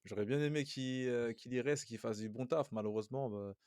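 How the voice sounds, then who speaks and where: Lively man, dry close mic. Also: mid-range voice, clear, resonant tone, no echo. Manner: lively, quick agreeing interjections, slangy. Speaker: podcast co-host. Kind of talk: casual podcast discussion.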